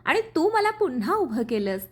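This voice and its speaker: A woman voicing a gentle, quietly loving young man in a storybook reading, speaking softly. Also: high-pitched, very animated, normal speed.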